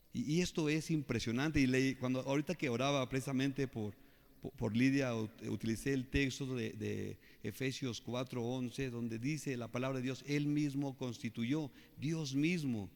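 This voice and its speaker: Spanish-speaking preacher in a reverberant hall. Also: male voice, medium pitch, steady tone, vocal fry. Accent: Mexican Spanish. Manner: slows down and rises when reading scripture aloud; asks the congregation questions. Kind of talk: sermon. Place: church hall.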